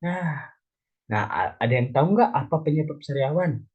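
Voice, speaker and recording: A man's voice: fairly high pitch, lively intonation, moderate pace, slightly rough, narrow, tinny audio. A young man from Indonesia teaching an elementary school biology lesson, explaining step by step and putting questions to the children. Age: young adult.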